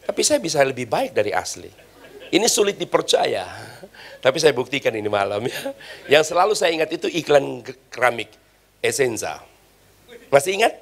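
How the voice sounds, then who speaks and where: A man's voice: mid-range voice, big pitch swings, moderate pace, gravelly, long pauses. A male pastor preaching, mixing playful jokes and voice imitations with emphatic sermon passages. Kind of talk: sermon with humorous stories.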